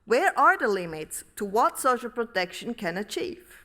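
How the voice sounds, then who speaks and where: Bright-voiced woman giving a formal speech. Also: fairly high pitch, very animated. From Switzerland. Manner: measured, deliberate reading from notes. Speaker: professor giving inaugural lecture. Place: large hall. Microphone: podium microphone.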